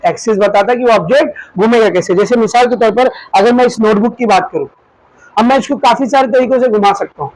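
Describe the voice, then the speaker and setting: A man's voice: high-pitched, fast, a little mellow, dry recording, rough recording. A male physics teacher with an Indian accent, lecturing a class and asking questions he answers himself, demonstrating with objects as he explains. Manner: asks the class questions and answers them himself, calls students "beta".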